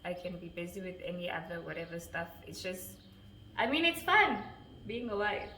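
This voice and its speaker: Fairly low-pitched with big swings in pitch, this woman in her twenties speaks at a moderate pace in a sharp tone. She's a vlogger casually fielding viewer questions, giggling and stumbling over names, in an echoey room with a little faint noise.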